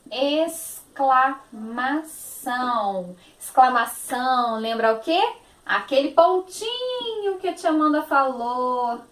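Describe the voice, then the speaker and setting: A woman's voice: on the high side, a bit bright, echoey room. A woman teacher with a Brazilian Portuguese accent, giving a phonics lesson to young children, stretching out words in a sing-song, affectionate manner.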